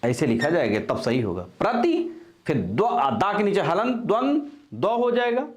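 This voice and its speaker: A man teaching spelling for exams, repeating each word slowly and stressing key syllables, with frequent reminders to pay attention. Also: high voice. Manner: animated, coaching tone with frequent reminders. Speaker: Hindi grammar teacher. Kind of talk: exam-prep spelling lesson.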